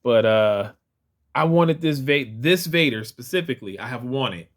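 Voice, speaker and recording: A man's voice: mid-range voice, animated, moderate pace. A man vlogging a casual toy figure review, chatty and rambling, often restarting his sentences. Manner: chatty, rambling, self-correcting.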